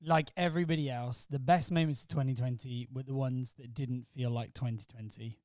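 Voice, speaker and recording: A middle-aged Welshman, who says he doesn't sound Welsh, is a guest on his wife's podcast, joking and teasing as he tells stories in a casual chat. His mid-range voice has a steady, darkish tone and a fairly quick pace. The studio sound is clean with no echo.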